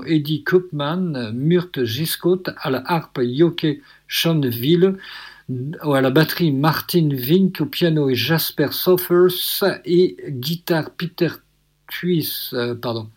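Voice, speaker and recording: Man, jazz radio presenter, unhurried and hesitant, slightly raised voice, keen. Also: on the high side. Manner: halting, many fillers and self-corrections; enthusiastic about the music.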